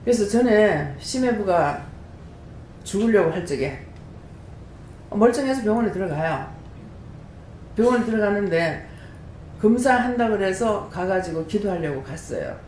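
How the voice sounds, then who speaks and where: Animated woman preaching. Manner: animated testimony, rhetorical questions to the congregation. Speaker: prayer house director and preacher. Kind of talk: sermon. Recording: echoey room with faint rumble.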